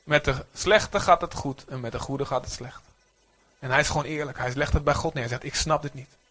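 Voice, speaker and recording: A man preaching a sermon to a congregation, animated and calling for amens. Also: mid-range voice, a little fast. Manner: animated, rising to near-shouts when voicing prayers; speaks to the congregation, asks for amens. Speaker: pastor.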